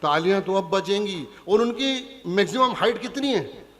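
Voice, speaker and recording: High, bright-voiced stage comic poet. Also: male voice, lively intonation, moderate pace, long reverb tail. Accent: Punjabi. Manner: chatty, teasing the audience. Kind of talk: stand-up comic poetry recital. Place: large hall before a live audience.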